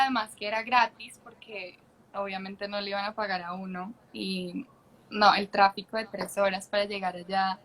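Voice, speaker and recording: In a rough recording, a young Colombian woman with a mid-range voice and sharp tone speaks with a Colombian accent. She's a guest actress in a casual interview chat on a video call, candid and chatty. She laughs frequently and keeps restarting what she says.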